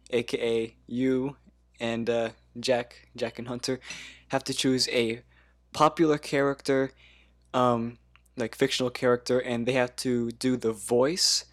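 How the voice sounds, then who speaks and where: A man's voice: mid-range voice, fairly even intonation, a little slow. A man hosting a casual podcast game, explaining with many ums and laughing often. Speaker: podcast host.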